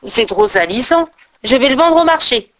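A woman's voice: sits high, sing-song, moderate pace. Woman playing a cross old-style farmer. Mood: annoyed. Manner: grumbling, scolding. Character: cross male farmer, grumbling adult.

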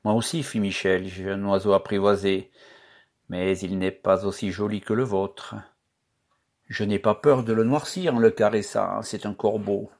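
Man as a shy, honest young worker in a storybook, quiet and low-pitched. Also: fairly even intonation, normal speed, lightly acted. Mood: earnest. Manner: soft, earnest. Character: shy earnest young male charcoal burner.

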